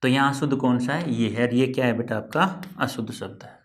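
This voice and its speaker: A male teacher giving a spelling lesson, repeating words slowly and calling his students "beta". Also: medium pitch. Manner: repetitive, drawn-out explaining, addressing students as "beta". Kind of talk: classroom-style Hindi spelling lesson.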